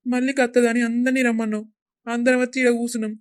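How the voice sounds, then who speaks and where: A woman's voice: fairly high pitch, little pitch movement, fast talker, clean tone, soft background music, natural voice. A woman voicing a worried young village husband in a cartoon, pleading anxiously in a Telangana Telugu accent.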